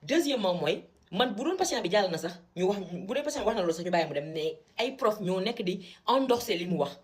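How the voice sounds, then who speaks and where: A young Senegalese woman who is a medical student tells a story quickly in a medium-pitched voice, casual but indignant and animated. She switches between French and Wolof as she retells it.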